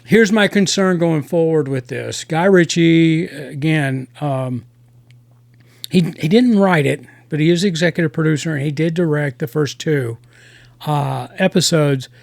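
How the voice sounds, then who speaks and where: A man hosting a casual review podcast, talking in halting starts with many restarts. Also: a little high, creaky, dry recording.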